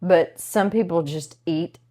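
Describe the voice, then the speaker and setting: A married woman co-hosting a casual chat podcast, animated and quick to laugh, acting out what others say. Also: lowish voice, heavy background noise. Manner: animated, laughs often, acts out quotes. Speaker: podcast co-host.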